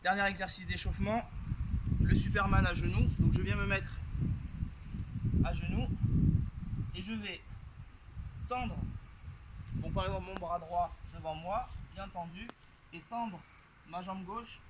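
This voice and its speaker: A man with a high voice coaching a workout while doing the moves himself, his speech pushing louder on the effort. He keeps checking in with his listeners as he explains. Loud noise runs under the recording. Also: fairly even intonation, a little slow, long pauses, lo-fi sound. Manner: talks while moving through exercises, loud bursts on effort; frequent "d'accord?" checks and fillers. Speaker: fitness coach. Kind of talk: workout instruction while demonstrating.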